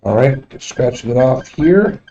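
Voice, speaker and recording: A man hosting a casual, unscripted livestream, speaking in a halting, repetitive way, recorded in dull, muffled audio. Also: mid-range voice, wildly swooping pitch, mellow. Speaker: livestream host.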